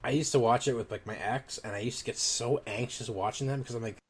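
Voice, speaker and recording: A man's voice: mid-range voice, fast, husky. A man co-hosting a podcast in casual chat, rambling with many fillers and casual swearing. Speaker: podcast co-host.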